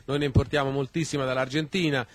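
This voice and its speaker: A male radio co-host with a medium-pitched voice. He banters comically in a chatty, reassuring style, dropping in naive remarks. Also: little pitch movement, fast.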